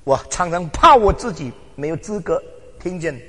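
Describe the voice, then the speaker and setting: An older man preaching a sermon, emphatic, swinging from loud exclamations to quiet asides and slipping into English phrases. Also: a little high, expressive, moderate pace. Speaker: pastor. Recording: long hall reverb.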